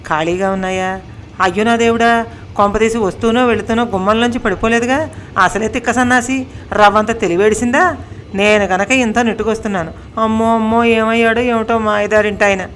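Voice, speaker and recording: A woman voicing a frantic, sharp-tongued middle-aged wife who scolds and wails loudly in a storybook tale. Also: steady tone, brisk, slight background noise, close to an everyday voice. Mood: panicked. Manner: loud, shrill scolding and wailing.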